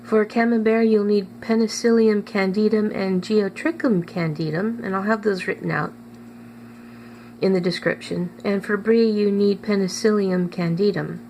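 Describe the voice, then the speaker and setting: A woman hosts a casual home-kitchen vlog, her voice sitting in an ordinary middle pitch. She talks in a chatty, halting way full of small fillers. A faint hum runs under the recording. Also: steady tone, mellow. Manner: chatty, hesitant with many fillers, tastes food while talking. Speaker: cooking vlogger.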